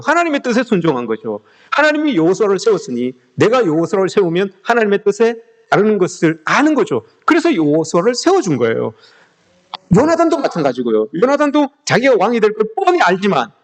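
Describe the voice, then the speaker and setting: A man delivering a sermon with a fairly high, lively voice that leaps up and down in pitch. He talks quickly and keeps calling out to the congregation, slipping into quick little acted-out quotes. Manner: animated, acts out quoted speech, addresses the congregation often. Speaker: pastor.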